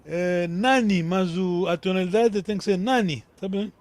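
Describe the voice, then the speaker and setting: A man's voice: high voice, steady tone, moderate pace, a little mellow. A man teaching a language lesson, patiently repeating words and correcting his students' pronunciation.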